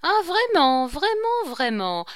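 A woman's voice: a little high, very animated, takes it slowly, bright, forceful tone, clear, resonant tone, no echo, clean studio sound, full character voice. A woman reading aloud, voicing a sly, mocking male court jester who teases with ironic questions.

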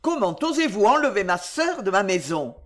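A reader voicing a choleric old man who shouts in fits of rage, in an audiobook. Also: mid-range voice, big pitch swings, normal speed, close to an everyday voice. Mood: furious. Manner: loud and barking. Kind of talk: audiobook character voice.

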